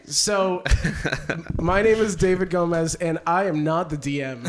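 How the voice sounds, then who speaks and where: A man's voice: a little high, steady tone, a little slow, over a noisy crowd. A man chatting casually and teasing his friends on a live tabletop game stream. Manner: playful, teasing, laughs often. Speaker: player, co-host.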